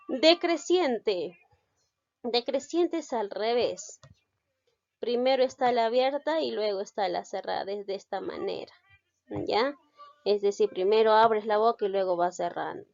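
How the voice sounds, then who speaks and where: A woman's voice: medium pitch, a little mellow. A woman teacher giving a recorded grammar lesson, explaining step by step and often stopping to check that listeners follow. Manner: explains step by step and keeps asking "¿ya?" to check understanding. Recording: slightly dull, dry sound.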